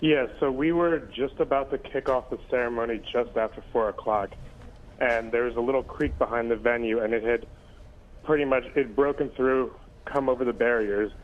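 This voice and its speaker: A man speaks over a narrow, tinny phone line as a news interviewee. He tells his story casually, with ums and restarts, at a mid pitch. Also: fairly even intonation, normal speed.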